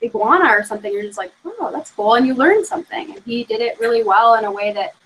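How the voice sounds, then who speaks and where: Chatty female podcast co-host, slightly high voice, loose filler-heavy talk. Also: slight background noise, rough recording. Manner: chatty, fast, full of fillers like "you know". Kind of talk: casual chat.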